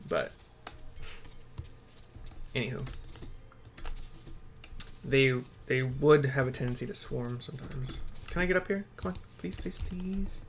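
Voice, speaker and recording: Muttering and rambling to himself during play, a male gaming streamer gives casual game commentary at a slightly slow pace, leaving long pauses. His pitch is medium, and the recording carries faint noise plus the sound of keyboard typing.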